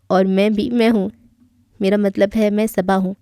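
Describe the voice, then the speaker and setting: A woman reading the lines of a lively, loud, chatty young man in an audiobook, keeping near her own voice. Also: medium pitch, clear, resonant tone, no room sound, studio quality, natural voice. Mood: playful. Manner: playful, chatty.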